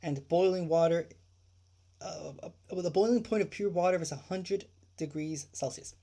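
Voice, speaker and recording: Indignant, mellow-voiced man ranting live. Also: on the high side, moderate pace. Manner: repeats points and rhetorical questions. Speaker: true crime livestream host. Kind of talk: livestream true crime commentary.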